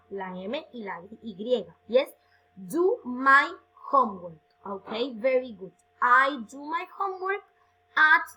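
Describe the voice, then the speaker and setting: Woman English teacher, Rioplatense accent, high animated voice, slow emphatic drilling. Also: slightly rough, low-quality recording. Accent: Rioplatense Spanish. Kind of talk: recorded online lesson, bilingual.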